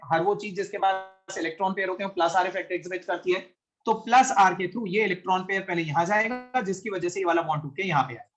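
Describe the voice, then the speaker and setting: A man's voice: sits high, fairly bright tone. A male chemistry teacher giving a classroom lecture to students in the room and online, explaining step by step and often checking that they follow, with English science terms mixed into his Hindi.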